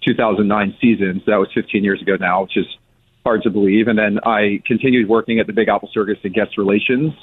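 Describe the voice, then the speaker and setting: A man gives explanatory answers as a guest in a radio interview. His voice is fairly low, and the sound is narrow and tinny, like a telephone line. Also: steady tone, fast talker, husky. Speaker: circus chief executive, guest. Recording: thin, phone-like band-limited sound.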